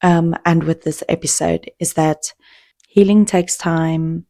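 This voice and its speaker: A woman hosting her own podcast, talking in a heartfelt, reflective way with pauses and restarts. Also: low voice, fairly even intonation, gravelly, dark tone, no echo, clean studio sound. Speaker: podcast host. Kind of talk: casual solo podcast talk.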